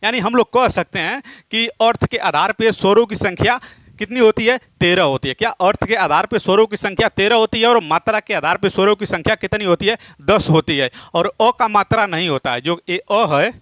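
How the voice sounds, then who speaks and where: A man teaches a classroom grammar lesson in a high, clear voice with a dry close sound. He keeps asking the class a question and answering it himself. On each answer he drops lower and slows down, and he counts items aloud one by one. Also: a bit bright, no echo. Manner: asks questions and answers them himself, repeating key points.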